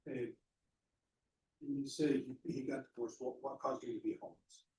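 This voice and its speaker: A man's voice: medium pitch, fairly even intonation, normal speed, darkish tone, a little hiss or hum. A man questions a witness as defense attorney, hesitant and repeating words, in a courtroom recording. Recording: echoey courtroom from far off.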